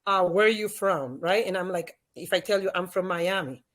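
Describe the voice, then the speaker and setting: Speaking at a moderate pace in a lowish voice, this Dominican woman, a native Spanish speaker with a Dominican accent, appears as a guest expert on a podcast. A former teacher turned leadership expert, she explains her points emphatically during the conversational interview.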